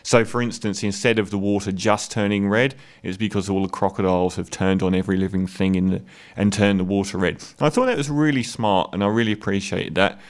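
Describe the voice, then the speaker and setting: A man's voice: deep voice, little pitch movement, fairly quick. A man giving an opinionated, casual spoken film review, hesitating often with fillers.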